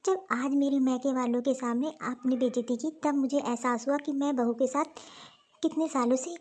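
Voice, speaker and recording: A woman's voice: sits high, steady tone, moderate pace, a little mellow. A woman voicing a middle-aged mother-in-law in a cartoon story who frets about family honor. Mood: remorseful.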